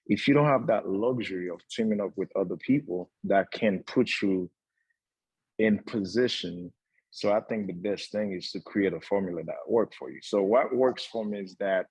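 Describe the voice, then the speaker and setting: A young man from Haiti, a guest entrepreneur on a talk show, speaking earnestly with many pauses and fillers. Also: lowish voice, a little mellow, breathy edge, dry recording, low-quality recording. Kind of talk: casual talk-show conversation.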